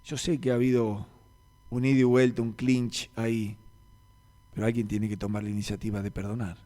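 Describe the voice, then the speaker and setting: A male pastor with a Rioplatense accent delivers a storytelling sermon at a middling pitch. He drops to quiet, low passages, then climbs to loud, emphatic peaks. His voice carries a long reverb from a church hall. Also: level tone, normal speed. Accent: Rioplatense Spanish.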